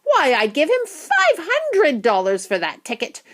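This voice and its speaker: A woman voicing a brash, pushy woman in a storybook crowd, loud and incredulous. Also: sits high, big pitch swings, brisk, voice pushed up.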